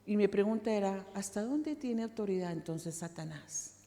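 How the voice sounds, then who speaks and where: With a mellow, medium-pitched voice and lively intonation, this woman pastor speaks at a normal pace. Her testimony sermon unfolds dramatically with repeated phrases, recorded with reverb in a large church hall.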